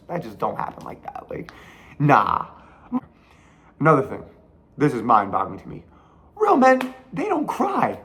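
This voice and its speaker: A young man talks straight into his own podcast, blunt and profane, full of slang and repeated punchlines. His pitch leaps up and drops back down constantly, which keeps the rant lively. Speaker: podcast host. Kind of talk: casual solo podcast rant.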